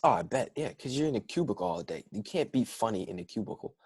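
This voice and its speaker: A man's voice: fairly low pitch, animated, fast, slightly rough, no room sound, studio quality. A young man with a Southern US accent, a comedian chatting casually as a guest on a podcast recorded over a video call, rambling and laid-back. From Georgia.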